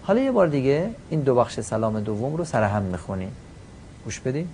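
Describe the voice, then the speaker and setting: A man teaching pronunciation, chanting each example slowly and giving short, quiet prompts to repeat. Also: mid-range voice, sing-song, slight background noise. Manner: slow drawn-out chanting of the examples. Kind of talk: pronunciation lesson.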